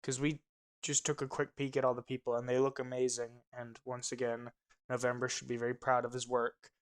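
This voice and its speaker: A man's voice: medium pitch, monotone, brisk. A man casually chatting while playing a game and thinking aloud as he goes. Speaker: co-host of a game playthrough. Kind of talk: casual let's play chat. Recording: music playing underneath.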